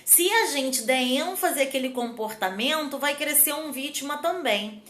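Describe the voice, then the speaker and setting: Woman, therapist, high voice, chatty, talks straight to the audience, echoey room. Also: animated, a little slow, fairly bright tone. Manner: chatty, addresses audience as gente, acts out quotes. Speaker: therapist giving a talk. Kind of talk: casual teaching talk.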